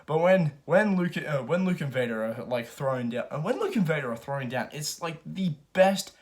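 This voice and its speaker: A man giving a casual, rambling film review, excited and profane. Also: fairly high pitch, normal speed.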